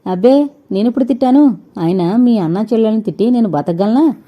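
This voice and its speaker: A woman's voice: medium pitch, normal speed, highs cut off, natural voice. A woman voicing a peevish young husband who grumbles and complains in a storybook reading. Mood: grumbling. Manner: whiny, indignant.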